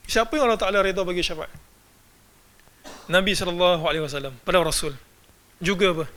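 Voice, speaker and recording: A man's voice: high-pitched, pushed and bright. A man with a Malaysian Malay accent giving a religious lecture, often asking his audience rhetorical questions. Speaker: religious teacher.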